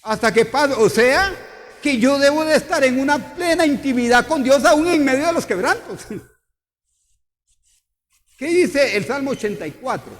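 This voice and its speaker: Male pastor, slow and emphatic sermon, reverberant church hall. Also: very high voice, expressive, fairly bright tone. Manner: emphatic, repeats questions to the congregation.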